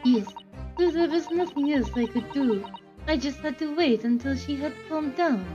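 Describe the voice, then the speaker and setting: Woman acting as a nervous passenger, Russian accent, high voice, halting, faint background music. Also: lo-fi sound, lightly acted. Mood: distressed. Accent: put-on Russian accent. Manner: hesitant, halting confession.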